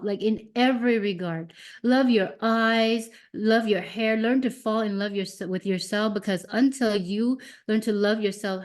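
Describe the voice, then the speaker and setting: A woman in her fifties, a mindset coach guest on a podcast, talking animatedly and acting out her own thoughts in quotes, sometimes repeating words as she restarts. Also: a little high. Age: 50s. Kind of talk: podcast interview.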